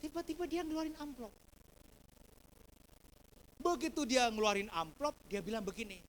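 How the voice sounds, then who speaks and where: A man preaching in a church, animated and chatty, acting out dialogue and constantly addressing the congregation. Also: very high voice, normal speed, a little hiss or hum. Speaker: pastor. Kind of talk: storytelling sermon. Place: church hall.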